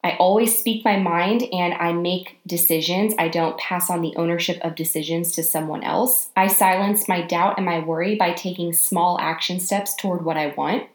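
A woman in her twenties hosting a solo podcast, upbeat and bubbly, talking fast when she gets excited. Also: lowish voice. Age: 20s. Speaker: podcast host. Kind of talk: casual solo podcast talk. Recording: roomy echo.

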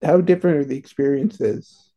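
A man's voice: fairly high pitch, moderate pace, mellow, lo-fi sound. A man asking casual interview questions in a tentative, informal way.

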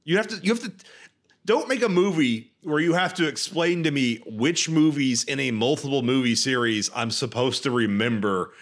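A man's voice: medium pitch, normal speed. A man co-hosting a podcast, talking about movies in a casual, profane way with many restarts. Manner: animated, swearing, rambling restarts. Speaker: podcast co-host.

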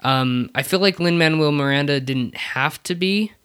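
Podcast host, medium pitch, casual chat, hesitant conversational delivery. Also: moderate pace, fairly bright tone, smooth. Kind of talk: casual chat about Disney.

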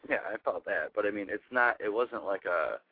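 A young man in his twenties talks as a guest on a radio show, agreeing and laughing along easily. His voice is very low and dry, squeezed through a thin, phone-like sound. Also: animated, moderate pace, breathy edge, dry recording. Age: 20s. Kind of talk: casual chat.

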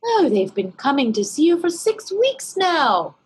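A woman's voice: sits high, sing-song, a little slow. A woman playing a timid, anxious young male theatre manager who speaks nervously and hesitantly, in an old-time radio drama.

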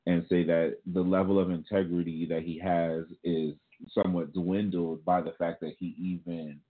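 A man with a very low voice talks through his argument in a measured way and keeps putting rhetorical questions to the listener. The audio is thin and narrow, as if it came through a phone line. It sounds like casual talk-show commentary. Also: little pitch movement. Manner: deliberate, asks rhetorical questions. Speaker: podcast co-host. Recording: tinny phone-like call audio.

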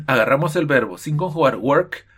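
Animated teacher. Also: male voice, fairly high pitch, normal speed, husky. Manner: animated, playful, acts out students' objections. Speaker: English teacher. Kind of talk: online pronunciation lesson.

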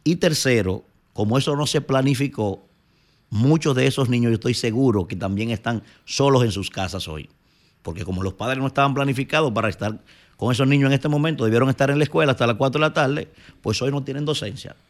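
A man's voice: medium pitch, fairly quick. A man with a Dominican Spanish accent, delivering indignant, scolding opinion commentary on a morning radio show.

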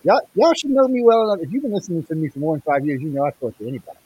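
Fast-talking man through a muffled, bass-only mic. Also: very animated, breathy edge. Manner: fast, joking, repeats himself. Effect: muffled mic, only bass comes through. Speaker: host. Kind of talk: casual live-stream chat. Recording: muffled, bassy online stream audio.

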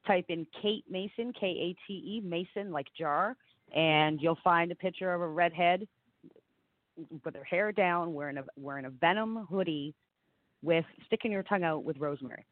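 A woman's voice: lowish voice, moderate pace, dry recording. Woman co-hosting a podcast, phone-like audio. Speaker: podcast co-host. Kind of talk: casual chat. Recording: tinny, phone-like dry connection.

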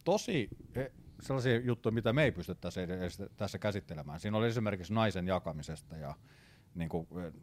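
A man chatting casually on a podcast, telling crude stories with lots of laughter and loud outbursts when he quotes himself. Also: deep voice. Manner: animated storyteller, laughs often, bursts into loud shouts when quoting himself. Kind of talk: casual chat.

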